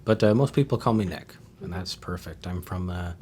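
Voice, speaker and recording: A man from New Brunswick, a podcast guest, introducing himself in a relaxed, hesitant way. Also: low voice, moderate pace, breathy edge. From New Brunswick, Canada.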